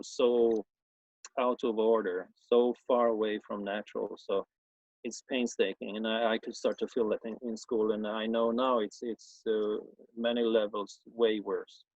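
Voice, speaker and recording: Dull audio with no room sound captures a mid-range, darkish male voice. He is a Swedish native speaker and ex-schoolteacher from Sweden with a Swedish accent, hesitantly giving an informal explanation full of fillers and restarts.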